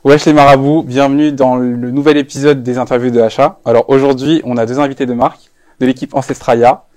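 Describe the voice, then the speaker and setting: A male host opens his interview show with an energetic, welcoming introduction. His voice sits at a medium pitch. The recording sounds dry. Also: fairly quick, no room sound.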